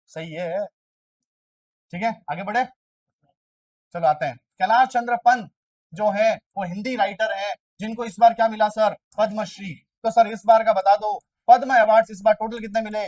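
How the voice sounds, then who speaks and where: A man's voice: high voice, no room sound, distant mic, rough recording. A male teacher giving an exam-prep lecture in a classroom, chatty and argumentative, constantly quizzing the class and voicing their questions himself. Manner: chatty, argues playfully with students.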